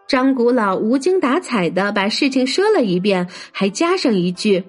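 A woman telling a traditional folk tale as a children's storyteller, in an expressive, lively way. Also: on the high side, normal speed, soft background music. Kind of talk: storybook narration.

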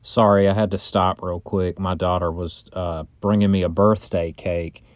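A man's voice: low-pitched, level tone, normal speed, no echo. A man hosting a casual solo podcast from inside a bedroom closet, chatting in an informal, rambling, joking way. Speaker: podcast host.

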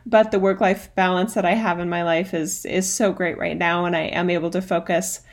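Female spiritual guide, lowish register with plenty of fry, informal and soothing, gently talks listeners through meditation. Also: flat delivery, normal speed. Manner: soothing, gently instructing, breaks into small asides. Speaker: spiritual guide and podcast host.

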